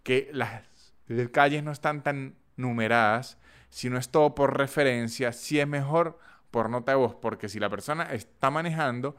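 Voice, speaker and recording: Chatty Venezuelan Andean man, smooth voice. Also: medium pitch, normal speed. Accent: Venezuelan Andean (gocho). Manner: animated, chatty storytelling with acted-out voice notes. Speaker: podcast host. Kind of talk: casual podcast monologue.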